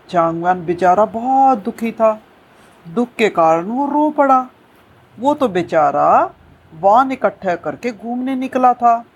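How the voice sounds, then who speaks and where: Female storyteller, slightly husky, pitched a bit high, unhurried and expressive. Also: muffled recording. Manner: lively, expressive, slow-paced telling. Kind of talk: storytelling narration.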